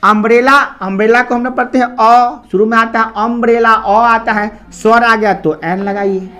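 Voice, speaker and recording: A man's voice: very high voice, steady tone, normal speed, bright, forceful tone. A man teaching grammar to a classroom of students. He explains patiently and goes over each point more than once. He stops often to ask whether the class has understood.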